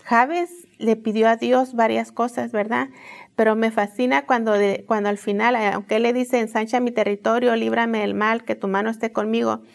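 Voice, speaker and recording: A middle-aged woman gives an earnest devotional talk to women. Her voice sits a little high and carries a gravelly edge. She repeats phrases and keeps asking "¿verdad?" as she teaches. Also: flat delivery, moderate pace.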